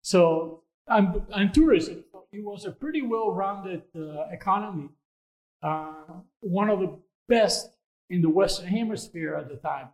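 Older man from Cuba as interview guest; high-ish voice, measured and earnest, halting delivery. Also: lively intonation, darkish tone, low-quality recording. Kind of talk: casual interview answers.

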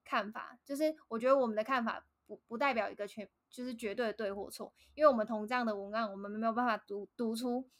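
A woman podcast host with a Taiwanese Mandarin accent who talks quickly in a fairly high voice. She chats casually and tells a story at length, with plenty of fillers. Her delivery is loose and conversational. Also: fairly even intonation. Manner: chatty, recounts a story at length with frequent fillers.

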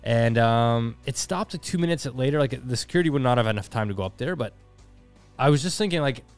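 A man in casual podcast chat, telling a tale earnestly and stopping to reflect. His voice sits at a middle pitch, with faint music underneath. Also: expressive, a little fast, clear, resonant tone. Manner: earnest, reflective storytelling with frequent restarts. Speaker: podcast co-host.

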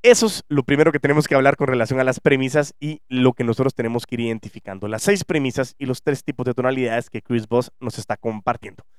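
A man with a Guatemalan Spanish accent hosting a podcast, earnestly explaining ideas straight to the listener with lively shifts in emphasis. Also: mid-range voice, fast, hardly any pauses, clean tone, no echo, studio quality. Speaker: podcast host. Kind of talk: motivational teaching monologue.

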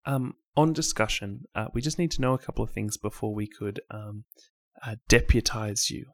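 A man's voice: on the low side, moderate pace. A man playing a tabletop game, asking questions hesitantly with many ums. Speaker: player. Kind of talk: casual tabletop play.

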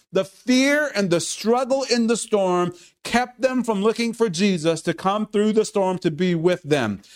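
Male preacher, earnest and chatty, slow delivery. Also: sits high. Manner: earnest, conversational preaching with sudden loud calls. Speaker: pastor. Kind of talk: sermon.

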